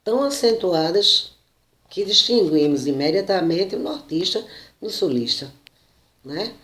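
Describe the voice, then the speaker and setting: Teacher from brazil, slow lesson delivery, mid pitch, roomy echo. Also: lively intonation, a bit bright. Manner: slow, deliberate, frequent "né?" and self-corrections. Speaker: Portuguese teacher. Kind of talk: spoken lesson, reading and explaining.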